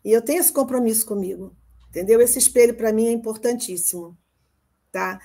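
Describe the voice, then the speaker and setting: An older woman with a Rio de Janeiro accent talks earnestly over a video call. Her voice sits slightly high, and she often pauses to make sure she's been understood. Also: dark tone. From Brazil. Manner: earnest, heartfelt, often checks in with "entendeu?". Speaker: physician client. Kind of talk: casual conversation.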